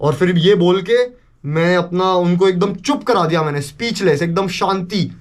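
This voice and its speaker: A young man vlogs casually, animatedly retelling a story while mixing in English phrases and swearing. His voice is high-pitched at a moderate pace.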